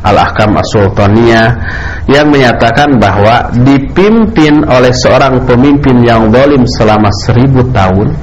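A man speaks like a preacher giving a religious lesson. His mid-pitched voice explains point by point, leaning on rhetorical questions and repetition. There is some noise behind him in the recording. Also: animated, unhurried, highs cut off. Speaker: Islamic preacher answering questions. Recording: clearly noisy background, room ambience.

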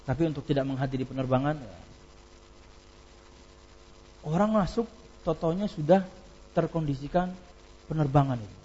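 A man's voice: a little high, normal speed, pauses often, warm tone, husky, lo-fi sound. A man giving an informal religious lecture, telling anecdotes with laughter and reciting Arabic passages. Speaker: preacher.

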